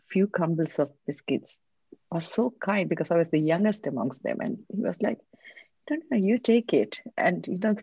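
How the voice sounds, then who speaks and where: A woman from Sri Lanka speaks as a podcast guest, soft-spoken and reflective, choosing her words with care. Her voice sits very low and has a warm, dark tone. The recording is dry and slightly dull, like a remote call. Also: husky, no echo. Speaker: guest, leadership coach. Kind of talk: interview answers, personal story.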